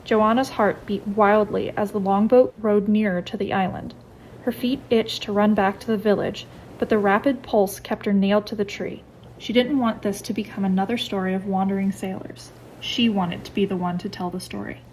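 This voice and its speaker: An American woman reads a fantasy chapter audiobook-style in a soft, hushed, even voice. Her pitch is middling. A faint hiss of room noise sits under her reading. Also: moderate pace, low-quality recording. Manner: soft, quiet, steady narration. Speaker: author reading her own novel.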